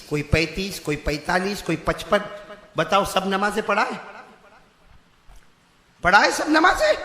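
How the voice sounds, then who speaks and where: A man preaching a fiery sermon to a congregation. He swings between soft asides and shouted exhortation, and quizzes his listeners. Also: high voice. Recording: echoey hall with long reverb.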